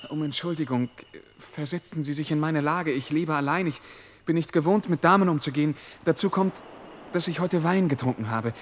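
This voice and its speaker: An actor playing a brooding, lonely young lieutenant in a 1950s German radio play, speaking earnestly and with feeling. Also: male voice, fairly high pitch, slight background noise, close to an everyday voice. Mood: apologetic. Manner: earnest, emotional, at times softly murmured. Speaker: lead character and first-person narrator.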